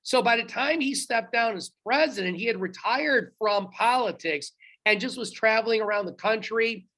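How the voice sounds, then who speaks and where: A man's voice: sits high, moderate pace, pushed and bright. A male history teacher gives a recorded lecture in a chatty, friendly way. He speaks straight to his students and stops now and then to quiz them on trivia.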